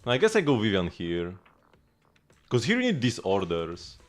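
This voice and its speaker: A man's voice: lowish voice, huge pitch swings, moderate pace, faint music behind. A man livestreaming a video game, chatting casually and explaining team strategy in a rambling way with frequent restarts.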